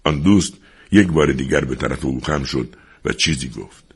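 A man reading a story aloud in a slow, measured storybook narration with a husky voice. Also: very deep voice.

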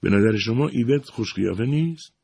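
A man voicing a sly, insistent woman in an audiobook, raising his pitch and keeping his tone soft. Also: animated, gravelly, husky, no room sound. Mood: probing. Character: sly, insistent woman with a cool, quiet manner. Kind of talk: audiobook character voice.

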